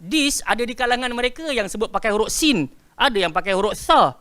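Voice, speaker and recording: Malaysian man, Quran teacher, clear resonant voice, stretches words slowly for the class to echo. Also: sits high, animated, pushed and bright. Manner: drills pronunciation, stretching words slowly and asking pupils to repeat; quizzes pupils by name and praises answers.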